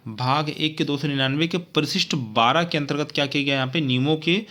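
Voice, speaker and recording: A man's voice: fairly high pitch, fairly quick, sharp tone. A man teaching an exam-prep lesson, repeating points and checking in with frequent tag questions.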